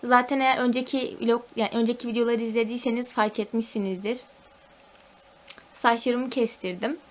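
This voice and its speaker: High-voiced chatty young woman venting. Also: steady tone, brisk. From Turkey. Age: young adult. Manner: talkative, venting, mock-dramatic. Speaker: university student vlogger. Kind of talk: casual chatty vlog. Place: at home.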